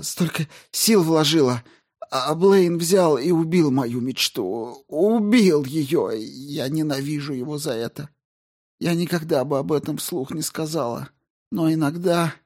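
A man's voice: on the high side, voice pushed up. A man voicing an injured former woman commander, speaking with feverish bitterness in a story reading.

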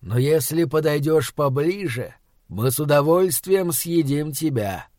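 A man voicing a menacing, hungry undead monster that speaks in a low hiss. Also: animated, unhurried, darkish tone, no room sound, studio quality. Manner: low hissing.

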